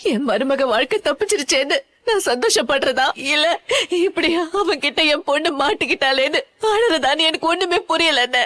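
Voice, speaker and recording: A woman's voice: sits high, animated, fairly quick, fairly bright tone. A woman dubbing a distraught middle-aged mother in a TV serial, who pleads through tears and wails over her daughter. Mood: pleading. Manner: tearful, pleading, wailing. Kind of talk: dubbed TV serial acting.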